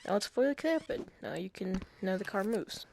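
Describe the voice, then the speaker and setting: A man's voice: high-pitched, lively intonation, normal speed, creaky, background noise. A man talking through a casual screen-recorded game tutorial, hesitant and self-deprecating, with many fillers and restarts.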